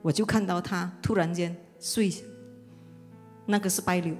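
A middle-aged woman pastor shares her testimony from the pulpit, earnest and vivid, pausing to find her words. Her voice rings out through a large hall with a long reverb. Soft instrumental music plays underneath. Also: on the low side, steady tone. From Indonesia. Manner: earnest, vivid storytelling with hesitant pauses. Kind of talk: personal testimony sermon. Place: church auditorium.

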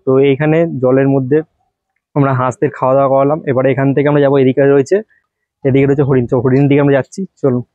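A travel vlogger guides viewers around temple grounds as he walks, talking to them directly in a rapid, chatty way. His medium-pitched voice stays level, and the audio is narrow and tinny with no echo.

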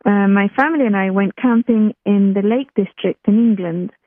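A woman's voice: medium pitch, normal speed, no room sound. A woman from Chile, a guest telling a personal story in a chatty way, often restarting her sentences. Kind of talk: casual interview storytelling. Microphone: telephone. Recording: tinny phone line, dry.

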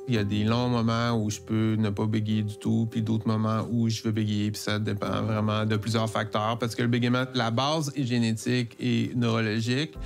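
A man's voice: lowish voice, creaky. A middle-aged man with a Québécois accent telling his own story, stuttering with frequent repeated words and sounds. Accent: Québécois French. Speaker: interviewee, comic book author. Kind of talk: personal testimony.

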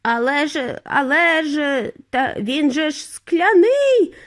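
A woman voicing an excitable, easily frightened elderly grandfather who shrieks his lines. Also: slow, heavily acted. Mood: alarmed. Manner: shrill, shrieking exclamations.

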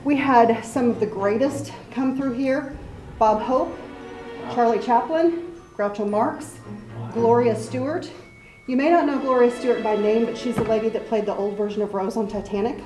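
A woman's voice: fairly high pitch, moderate pace. A woman working as a tour guide, explaining things as she shows people around indoors. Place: indoors in a large old building. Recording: echoey room with music behind.

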